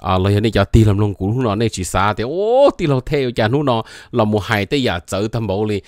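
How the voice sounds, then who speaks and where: Male presenter, low pitch and dry sound, casual educational talk; reads brief phrases and unpacks each at length. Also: lively intonation, quick pace, no room sound. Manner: reads short English phrases aloud, then explains them at length.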